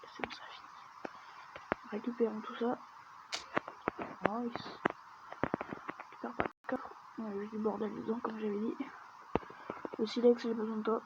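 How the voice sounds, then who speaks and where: A woman with a voice on the high side plays through a game in casual let's-play commentary, chatting and muttering to herself and often dropping almost to a whisper. She keeps a moderate pace with long pauses, recorded on a dull lo-fi mic with steady background noise.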